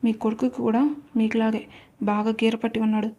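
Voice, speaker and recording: Woman reading arrogant young man, menacing, mocking, storybook voice, mellow tone. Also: a little high, completely flat delivery, fairly quick, lo-fi sound. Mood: threatening.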